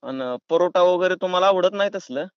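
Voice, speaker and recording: A man with a rural Maharashtrian accent makes a prank phone call, pushy, folksy and argumentative in tone. His high-pitched voice moves fairly quickly and sounds clean, without echo. It comes through as a dull, lo-fi phone recording.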